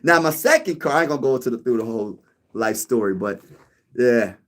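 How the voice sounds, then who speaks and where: A YouTube sports channel host chats casually on a live stream in an animated, brisk, mid-range voice. He rambles on, repeats himself and says "bro" to listeners constantly.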